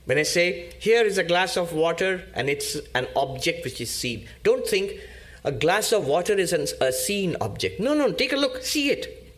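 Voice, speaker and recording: A man giving a spiritual discourse as a monk, teaching slowly and emphatically with pauses and repetition. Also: sits high, big pitch swings, a bit bright.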